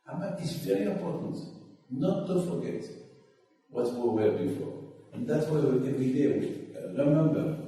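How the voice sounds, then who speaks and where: Preacher born in Morocco, slow and mellow delivery, echoey hall from a distance. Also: male voice, mid-range voice. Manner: earnest, repetitive exhortation with Hebrew phrases. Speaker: rabbi. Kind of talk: sermon.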